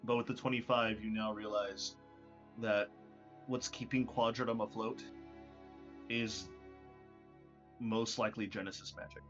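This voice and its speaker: A man's voice: lowish voice, steady tone, unhurried, pauses often, fairly bright tone, faint music behind. A man narrating a tabletop game as game master, descriptive and full of "um" and "like". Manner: descriptive, hesitant with many fillers. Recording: lo-fi online voice call.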